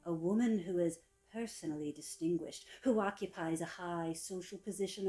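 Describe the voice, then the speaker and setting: Female narrator, sultry and mellow, scripted book reading, soft phrase endings. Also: mid-range voice, poor audio. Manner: sultry, slow-savoring delivery with soft trailing phrase ends. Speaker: reader of a public-domain etiquette book.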